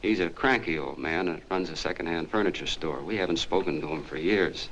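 An actor playing an earnest small-town soda fountain clerk, telling a long story in a folksy, rambling, chatty way, in 1940s film acting. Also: male voice, sits low, fairly quick, a bit bright, slight background noise, low-quality recording. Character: earnest small-town soda jerk, middle-aged man.

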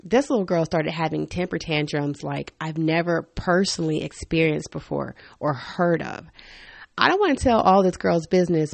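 A woman hosting her own podcast, telling candid and humorous stories about raising a toddler, animated and quick to laugh. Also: deep voice, creaky, no room sound. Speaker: podcast host. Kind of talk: personal storytelling monologue.

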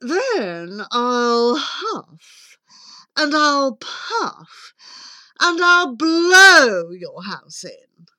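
A woman's voice: sits high, big pitch swings, extremely slow, pushed and bright, no echo, full character voice. A woman voicing a greedy, boastful male wolf villain in a storybook tale, with a blustering, gloating delivery. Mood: menacing. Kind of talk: dramatised verse storytelling.

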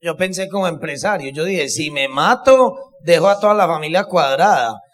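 A man cutting into a talk with loud jokes. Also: a little high, expressive, moderate pace. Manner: loud, joking. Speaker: speaker.

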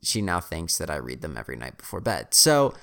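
A man's voice: a bass voice, big pitch swings, a little fast, fairly bright tone. A man in his twenties casually telling a story about reselling garage-sale finds, rambling with restarts and wry self-mocking humor. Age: 20s. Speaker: reseller vlogger.

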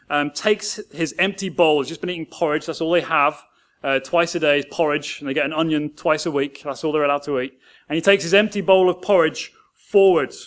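High-voiced male preacher. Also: a bit bright. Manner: earnest storytelling preacher. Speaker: pastor. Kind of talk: sermon.

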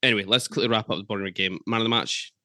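A man hosts a casual football podcast in a low voice with a forceful, bright edge. He talks chattily, swears freely and laughs between points. The recording is close and dry. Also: very fast, dry recording. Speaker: podcast host.

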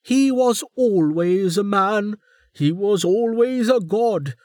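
A man putting on a very old, imperious female warden, pitched well above his normal voice and drawling with slow, mocking emphasis. She sounds teasing and sardonic, delivered in a close, dry audiobook read. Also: animated, a little mellow, dry recording. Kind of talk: audiobook character voice.

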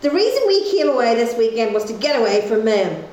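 A bossy man-hater, played by a woman, righteous and declamatory. Her high voice swings widely in a stage farce recorded with heavy echo. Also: sing-song, a little fast, a little mellow. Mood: righteous, defiant. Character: bossy, man-hating female ringleader. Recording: very echoey stage, faint noise.

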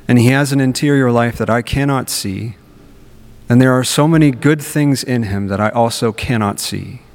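A man's voice: mid-range voice, darkish tone. A young adult man reading the gospel and preaching in a large church, speaking in earnest short phrases, with a cathedral echo. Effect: cathedral echo, long church reverb. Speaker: preacher at a Mass. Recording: long reverb of a large church.

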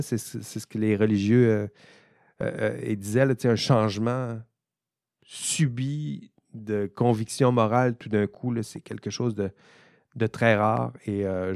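Man, ethics professor, casual recorded lecture, talks straight to students, lowish voice. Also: a little mellow, dry recording, clean studio sound. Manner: informal, thinking aloud, addressing students directly.

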